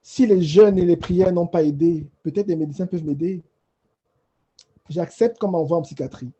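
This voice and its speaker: A man with a high but very dark, husky voice tells his personal faith story on a panel. He speaks with emotion and halts often, circling back over the same phrases. The recording sounds dull and muffled. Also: normal speed.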